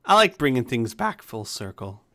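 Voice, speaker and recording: A man's voice: medium pitch, very animated, normal speed, bright, forceful tone. A man acting as game master, narrating a tabletop game and chatting casually with the players.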